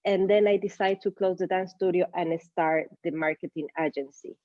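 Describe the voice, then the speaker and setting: A woman's voice: lowish voice, fairly even intonation, moderate pace, dry recording, dull audio. Ecuadorian woman, second-language English storytelling. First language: Spanish. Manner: conversational, fillers and non-native grammar. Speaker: guest, marketing business owner. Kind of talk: casual interview storytelling.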